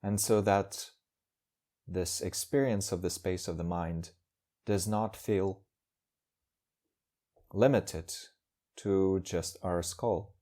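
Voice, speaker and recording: In a low-pitched voice, a man acting as a meditation teacher talks his listeners through a session. His phrases are short and unhurried, broken up by pauses.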